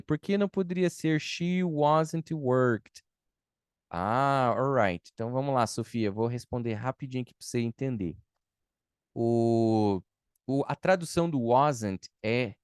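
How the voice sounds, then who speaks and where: A Brazilian man teaches an online English class at an unhurried, deliberate pace. He explains patiently and answers students' chat questions one by one. The recording is dry, with no room sound. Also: on the high side, no echo. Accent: Brazilian Portuguese.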